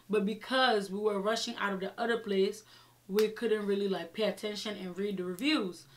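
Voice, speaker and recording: Female vlogger, young adult, mid-pitched. Animated storytime rant: exasperated, emphatic, retells dialogue as back-and-forth quotes. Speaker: vlogger telling her own story. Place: small indoor room with shelves, seated before the camera.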